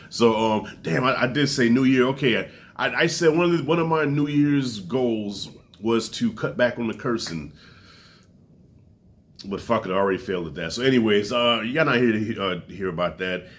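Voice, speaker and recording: A stuffy-nosed man in his forties reviews a comedy special to camera, speaking casually, loosely and profanely with wide pitch swings. He talks a little fast.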